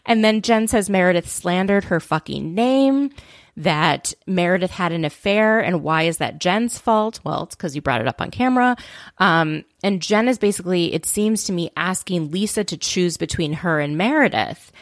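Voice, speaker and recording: Low-voiced woman recapping with blunt indignation. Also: expressive, moderate pace, no room sound, studio quality. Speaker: podcast co-host. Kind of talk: casual recap chat.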